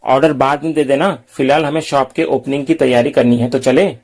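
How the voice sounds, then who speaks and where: A man's voice: medium pitch, fairly even intonation, a little fast, darkish tone, lightly acted. A man reading a firm young wife.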